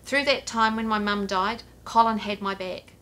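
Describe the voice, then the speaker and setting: Her medium-pitched, a bit bright voice moves at a normal speed. Seated on a sofa in her living room, this middle-aged pastor gives an earnest home church sermon directly to the camera, gesturing throughout, with the camera a few feet away in head-and-shoulders framing.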